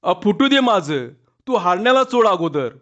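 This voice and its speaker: A man's voice: sits high, sing-song, normal speed, fairly bright tone, dull audio, pitched above the performer's own voice. A man reading a village story voices Tatya, a young village man who is frantic, tender and choked with feeling. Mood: pleading.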